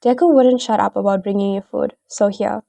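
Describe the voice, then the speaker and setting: A woman voicing a brash, bossy little boy who talks in a gruff, dismissive, blunt way in a read-aloud story. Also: mid-range voice, steady tone, moderate pace, dark tone, dry recording, natural voice.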